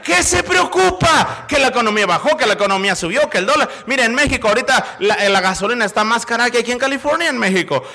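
A man preaching a sermon, mixing scripture with folksy, joking stories from his childhood and shifting between loud calls and quiet asides. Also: extremely high pitch, animated, very fast, few pauses. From Mexico. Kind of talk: sermon with storytelling.

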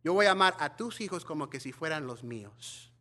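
Fiery bilingual preacher with a bright, high voice. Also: male voice, a little fast. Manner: animated preaching, mixing Spanish and English, acting out gossiping church members. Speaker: pastor. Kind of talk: bilingual sermon.

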